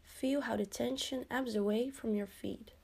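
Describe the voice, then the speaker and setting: Woman, relaxation guide; unhurried, mellow, soothing delivery. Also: a little high, steady tone, vocal fry, husky. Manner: slow, soothing, instructional. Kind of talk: guided progressive muscle relaxation.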